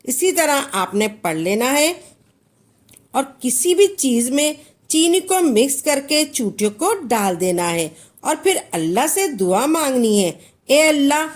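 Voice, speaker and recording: A woman giving spoken religious instruction, explaining a devotional practice step by step and reciting Arabic verses in a calm, repetitive way. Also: sits high, measured pace.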